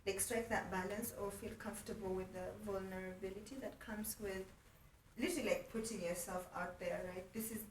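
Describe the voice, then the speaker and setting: A woman's voice: mid-range voice, fairly even intonation, brisk. A woman hosting a podcast, asking questions casually with lots of "um" and "mm-hmm". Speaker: podcast host. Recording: echoey room, distant from mic, faint noise.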